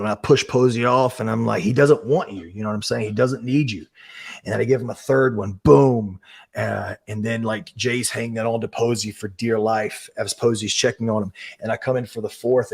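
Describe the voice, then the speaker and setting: A man's voice: lowish voice, creaky, husky. A man in his thirties, a guest on a podcast, telling a story in an earnest, emotional way and swearing freely. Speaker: professional wrestler, guest.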